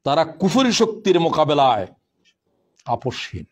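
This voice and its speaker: A man preaching a fiery sermon. He swings from shouted rebukes to low, solemn asides and keeps questioning his audience. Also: big pitch swings, normal speed, breathy edge. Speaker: Islamic preacher.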